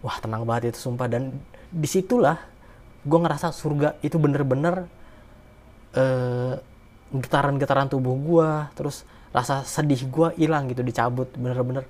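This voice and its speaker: A man's voice: medium pitch, moderate pace, darkish tone. A man tells a personal story in casual, slangy speech, emotional and rambling with many restarts.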